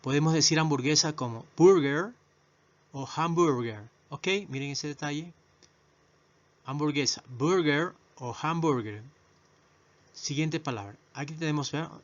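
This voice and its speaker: A man teaching English vocabulary to Spanish speakers, a native Spanish speaker who repeats each word slowly several times in a video lesson. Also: fairly high pitch. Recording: dull lo-fi recording.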